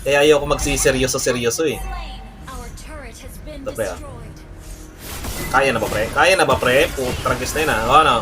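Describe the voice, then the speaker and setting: A man's voice: medium pitch, normal speed, long pauses, music in the background. A young man, commentating his own gameplay live with brash, cursing trash talk and boastful bragging. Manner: boastful, mock-calm refrains. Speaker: gaming streamer.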